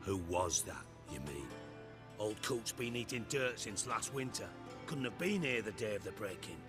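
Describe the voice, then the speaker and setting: An actor playing a gruff middle-aged spymaster, brusque, sarcastic and commanding. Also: male voice, fairly low pitch, big pitch swings, normal speed, over music. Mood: brusque, scornful.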